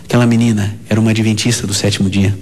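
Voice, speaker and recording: A middle-aged man with a Brazilian Portuguese accent, preaching a sermon as a pastor and telling stories dramatically, slowing down for emphasis. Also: fairly low pitch, long reverb tail, slight background noise. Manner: dramatic storyteller, slows for emphasis, lively in anecdotes. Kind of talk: sermon storytelling. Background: music under the voice.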